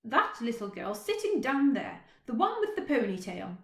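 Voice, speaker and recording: A woman's voice: a little high, big pitch swings, normal speed, a bit bright, pitched above the performer's own voice. A woman voicing a firm but loving mother owl who speaks in a coaxing way, in a roomy, echoey room. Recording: roomy echo.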